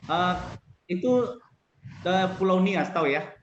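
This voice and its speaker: A man's voice: sits high, lively intonation, slow pace. A man in his thirties from North Sumatra, a teacher guest on a school podcast, telling stories with laughs and hesitations. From North Sumatra, Indonesia. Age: 30s. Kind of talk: casual interview chat. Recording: roomy, dull lo-fi with faint noise.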